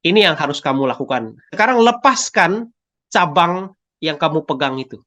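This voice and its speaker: A man voicing God as a calm, steady voice that gently gives instructions. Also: a little high, moderate pace. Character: calm voice of God speaking from everywhere.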